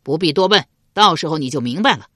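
A woman's voice: low-pitched, expressive, fast talker, fairly bright tone, no room sound, studio quality. A woman voicing a wise, composed male chancellor in a spoken historical novel, giving firm orders. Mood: commanding.

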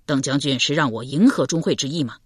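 A woman voicing a troubled, wary male officer who speaks low, rueful and doubtful. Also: quick pace, slightly rough, no echo, clean studio sound.

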